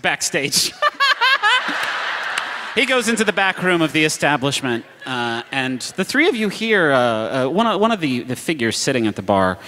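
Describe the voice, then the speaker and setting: A man narrating an improvised tabletop game as game master, with comic, halting descriptions. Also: a little high, sing-song, sharp tone. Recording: live hall reverb, some noise.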